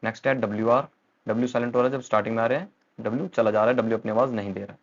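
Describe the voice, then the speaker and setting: A man's voice: medium pitch, steady tone, rapid-fire. Man teaching pronunciation, slightly muffled. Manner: explains step by step, mixing Hindi and English. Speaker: English teacher. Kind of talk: Hindi-English pronunciation lesson.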